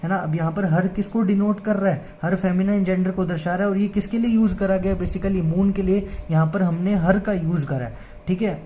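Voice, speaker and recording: Woman, grammar tutor, calm and repetitive, mellow voice. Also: medium pitch, slight background noise. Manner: patient, repeats "ठीक है" and "है ना" often; reads English lines slowly, word by word. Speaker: grammar teacher. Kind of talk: explaining an English grammar lesson in Hindi.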